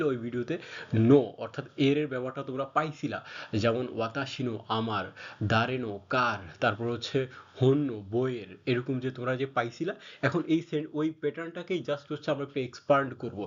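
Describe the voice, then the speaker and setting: A man walks beginners through grammar in a relaxed, conversational lesson. He fills pauses with small hesitations and keeps checking that his students are following. The recording sounds somewhat muffled and lo-fi. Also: mid-range voice. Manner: patient, frequent fillers and check-ins. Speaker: Japanese language teacher. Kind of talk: casual explanatory lesson.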